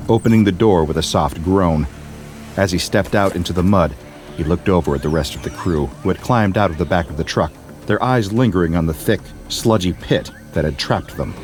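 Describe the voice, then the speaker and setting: A man narrating a scripted horror story in a steady, measured way. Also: sits low, soft background music.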